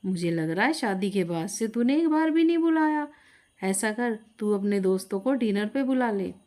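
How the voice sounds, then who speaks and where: A woman doing a stern older mother-in-law, scolding, heavy, lowered voice, storybook tale. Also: expressive, normal speed, mellow, natural voice. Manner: scolding, lower and heavier than the narration.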